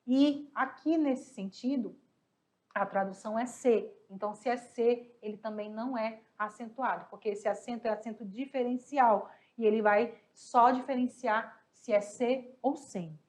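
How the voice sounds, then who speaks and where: A Brazilian woman teaching a class, a little hoarse, patiently asking questions and answering them herself. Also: a little high, a little slow, darkish tone. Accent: Brazilian Portuguese. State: slightly hoarse, coughing. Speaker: Spanish teacher. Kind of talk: online class explaining exercises.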